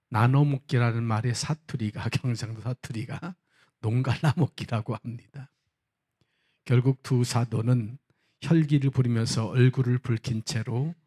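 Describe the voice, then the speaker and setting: Male pastor, church sermon, measured storytelling, mid-pitched voice. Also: warm tone. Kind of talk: sermon with humorous anecdote.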